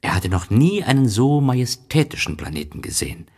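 A man calmly narrating a storybook audiobook in a soft, expressive way. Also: medium pitch, brisk. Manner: soft, calm, expressive reading with breathy drops.

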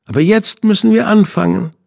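Man voicing a mocking male villain, taunting, high-pitched for the narrator, husky, dry close sound, audiobook thriller. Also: a little mellow, no room sound, heavily acted. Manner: sneering, taunting, slow and deliberate. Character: mocking, menacing male knife-wielding captor.

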